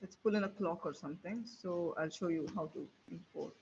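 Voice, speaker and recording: A man presenting a live software demo in a webinar, talking himself through each step as he clicks. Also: high voice, brisk. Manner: thinking aloud while clicking through a tool. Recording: dull lo-fi webinar audio with faint hiss.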